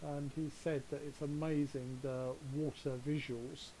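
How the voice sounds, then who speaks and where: A man's voice: fairly high pitch, little pitch movement, measured pace, dark tone, a little hiss or hum, rough recording. A man casually guiding a walk through a virtual world, chatty and rambling, chuckling at his own asides. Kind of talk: casual walkthrough narration. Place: home setup, voice over a VR headset session.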